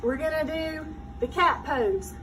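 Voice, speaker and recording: With a high voice and steady pace, this woman teaches yoga to children, offering short cues one step at a time and pausing to ask how they're doing. A distant microphone captures her amid clear room noise.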